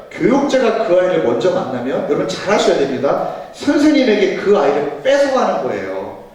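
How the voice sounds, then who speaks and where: A man with a high voice gives a talk to church teachers as their education pastor, telling stories and acting out the lines. His delivery swings widely up and down. The sound comes from a distance, in a hall full of echo. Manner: animated storytelling, acts out quoted dialogue. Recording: echoey hall, from far off.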